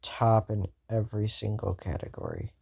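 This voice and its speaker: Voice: medium pitch, wildly swooping pitch, normal speed, vocal fry, mellow, husky, lo-fi sound. A fan storyteller improvising a what-if story, rambling with many fillers and self-corrections.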